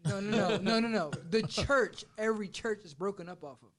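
A man's voice: sits high, brisk, fairly bright tone. A man in a casual group debate, blunt and skeptical, with some swearing.

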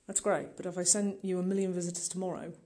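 A middle-aged podcast host who runs an online marketing business talks straight to the listener in an informal solo monologue, earnest and emphatic. His mid-range voice is mellow, moves little in pitch, and keeps a quick pace.

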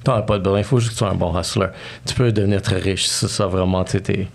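A Quebec French man in his thirties tells his life story as a guest on a podcast, in the manner of a casual storytelling interview, dropping English slang freely into his French. His voice is low and fast with vocal fry and fairly even intonation.

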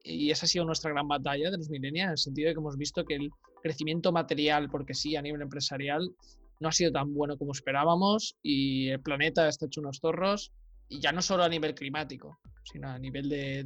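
Relaxed man, podcast co-host. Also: a little high, fast talker, no echo, soft background music. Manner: relaxed, jokey asides. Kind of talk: casual podcast chat.

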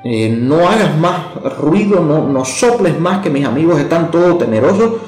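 A man preaching a sermon voices Jesus speaking gently and plainly to the wind and to his frightened friends, in an echoey room with soft music behind. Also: a little high, big pitch swings, normal speed. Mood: gentle rebuke.

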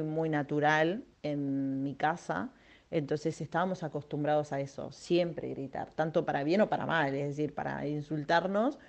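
Young woman, Argentine accent, low mellow voice, loose chatty podcast monologue with many fillers. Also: lo-fi sound. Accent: Argentine Spanish. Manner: chatty, self-mocking, lots of fillers. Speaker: podcast host. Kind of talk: casual monologue.

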